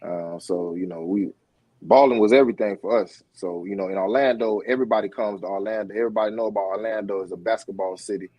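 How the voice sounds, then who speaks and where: Podcast guest: middle-aged Floridian man, low mellow voice, rambling with fillers, dry sound. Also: quick pace, no echo, lo-fi sound. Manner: rambling, many fillers and restarts. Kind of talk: casual interview talk.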